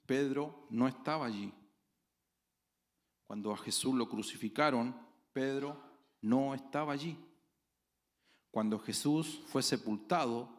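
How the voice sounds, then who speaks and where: A man preaching a sermon as pastor, dramatic, with sudden loud exclamations and acted-out voices of his congregation. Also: mid-range voice. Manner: acts out quoted voices of congregants.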